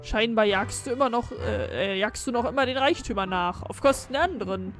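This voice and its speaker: A woman voicing a stern ghostly father who lectures his son, a bit lower and measured. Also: expressive, faint music behind, natural voice.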